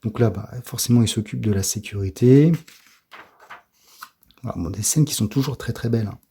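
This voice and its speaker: A middle-aged man with a French accent giving a soft-spoken ASMR comic review, hesitant and often dropping to a whisper. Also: lowish voice, slightly rough. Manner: hesitant, fills pauses with "euh" and "voilà", often drops to a whisper.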